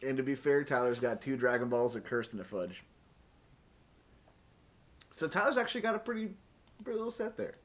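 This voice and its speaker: Running a tabletop role-playing game as game master on a live stream, this man jokes around and swears freely. His voice sits at medium pitch with lively intonation, moving fairly quickly but with long pauses. Keyboard and mouse clicks can be heard over clear background noise.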